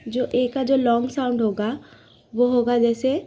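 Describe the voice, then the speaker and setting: Mellow-voiced woman teaching phonics. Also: a little high, flat delivery. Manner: patient, explains slowly, sounds out words. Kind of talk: casual home teaching lesson.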